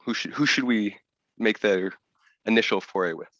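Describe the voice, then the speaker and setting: A man's voice: on the low side, moderate pace, a bit bright, no room sound. A man asking a casual question in an online session, searching for words. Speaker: audience member asking a question. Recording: dry, dull lo-fi call audio.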